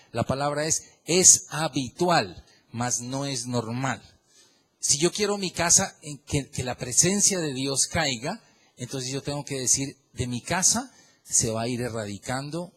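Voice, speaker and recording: A man preaching a sermon in church, swinging from loud emphatic questions to quiet prayerful tones. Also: mid-range voice, breathy edge. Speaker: pastor.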